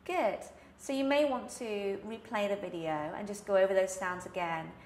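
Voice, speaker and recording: A woman's voice: mid-range voice, moderate pace, a little mellow, a little hiss or hum. A woman with a British accent giving an instructional pronunciation lesson, enunciating carefully and stressing example words. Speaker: pronunciation coach. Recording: echoey room.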